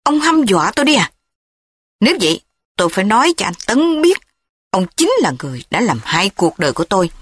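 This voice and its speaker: A woman voicing a furious, defiant young mother who speaks in a sharp, raised, indignant way in an audiobook drama. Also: medium pitch, very animated, quick pace, slightly rough, no echo. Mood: angry.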